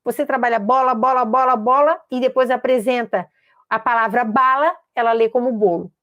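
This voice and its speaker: A woman teaching a lesson on literacy for children, emphatic, repeating words and slowly sounding out letters and syllables. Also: a little high, a bit bright. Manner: repeats words for emphasis, asks rhetorical questions. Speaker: special education teacher. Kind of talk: explanatory online lesson.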